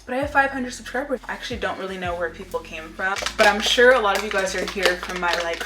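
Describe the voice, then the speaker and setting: A woman in her twenties talking casually to camera as a vlogger, informal, rambling and confiding. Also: fairly low pitch. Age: 20s. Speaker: lifestyle vlogger. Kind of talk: casual chit-chat to camera. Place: indoor room at home. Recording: roomy echo with music behind. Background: music.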